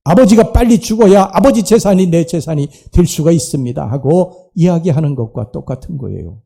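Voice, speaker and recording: A man preaching a sermon as pastor in a church sanctuary, swinging between loud emphatic rises and soft low drops. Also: animated, brisk, creaky, breathy edge.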